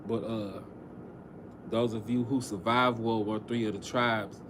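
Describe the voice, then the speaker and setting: Male preacher, lowish voice, reads scripture then riffs crudely with stops and restarts, faint hiss behind. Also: level tone. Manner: casual, profane asides between readings; halting, frequent fillers and restarts. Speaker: preacher on a livestream. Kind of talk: scripture reading with loose commentary.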